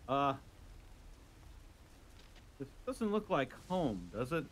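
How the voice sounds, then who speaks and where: A man plays a tabletop role-playing game in casual chat. His delivery is wry and a little halting, with a very varied pitch. Faint noise sits behind him. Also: very animated. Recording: background noise, room ambience.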